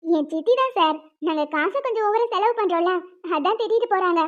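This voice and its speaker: Woman doing a meek young cartoon sister, polite, soft, very high pitch, lo-fi. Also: fairly quick. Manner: soft-spoken, apologetic, polite. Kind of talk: cartoon voice acting. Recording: dull lo-fi sound.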